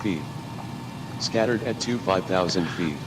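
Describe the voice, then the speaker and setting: A man's voice on an automated airport weather broadcast, reading numbers in a measured, formal sequence. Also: sits low. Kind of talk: recorded weather and runway information. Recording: distant speaker with background noise.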